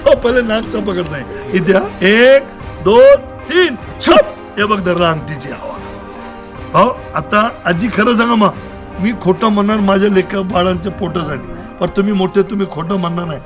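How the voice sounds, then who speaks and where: A man's voice: high-pitched, fairly quick. A man doing street magic patter outdoors, chatty and showy, coaxing and joking with the onlookers. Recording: loud background music over outdoor audio. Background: loud music.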